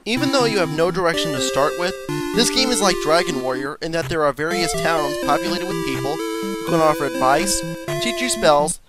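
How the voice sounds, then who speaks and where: Man reviewing games over loud music. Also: fairly high pitch, animated, brisk. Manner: opinionated. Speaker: video game reviewer. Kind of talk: scripted review narration. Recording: loud music bed under voice.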